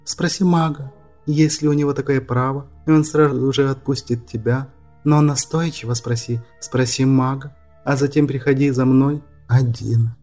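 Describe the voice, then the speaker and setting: A man voicing a young woman who speaks quietly and coaxingly in an audiobook. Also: medium pitch, fairly even intonation, moderate pace, gravelly, few pauses, faint music behind. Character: young woman luring softly from afar.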